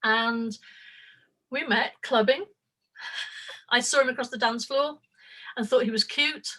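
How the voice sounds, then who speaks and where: Over a video call, an older woman writer gives a relaxed interview, affectionate and candid, laughing a lot and rambling with fillers. She speaks a little slowly in a high, bright voice with a forceful tone. The recording is rough.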